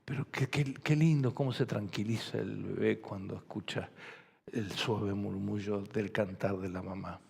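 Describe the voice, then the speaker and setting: Pastor, male, Rioplatense accent, husky gravelly voice, gentle sermon that builds to fervent preaching, long hall reverb. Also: lowish voice, fairly even intonation, unhurried. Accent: Rioplatense Spanish. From Argentina. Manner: gentle and soft, rising to loud fervent preaching. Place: church hall.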